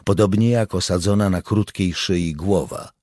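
A man narrating an audiobook in an even, unhurried reading voice. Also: deep voice, no room sound, studio quality. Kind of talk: scripted narration.

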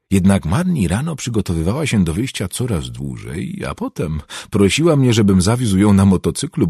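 A man narrating an audiobook in the first person, reflective and measured. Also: low voice, darkish tone, husky, no echo, studio quality.

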